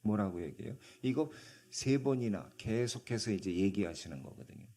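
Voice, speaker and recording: A man's voice: on the low side, lively intonation, normal speed, dark tone. A male pastor preaching a sermon in a church, in a conversational way, often asking the congregation questions.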